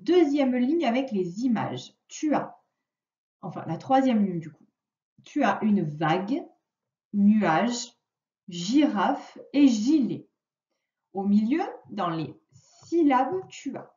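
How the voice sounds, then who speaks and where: A woman teacher giving a remote phonics lesson to a child, dictating words slowly and carefully from her computer. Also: fairly high pitch, dark tone, echoey room, recorded from a distance, muffled recording. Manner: slow, carefully articulated word dictation.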